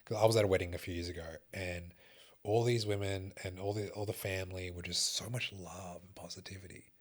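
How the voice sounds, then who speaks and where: Low-voiced man, swearing storyteller. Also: fairly even intonation, brisk. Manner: emotional storytelling with frequent swearing. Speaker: fitness coach. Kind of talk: casual podcast conversation.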